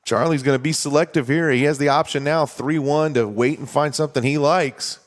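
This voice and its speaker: A man calling a baseball game play-by-play, talking steadily and conversationally and explaining strategy between pitches. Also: steady tone, brisk. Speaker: play-by-play announcer. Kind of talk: baseball commentary.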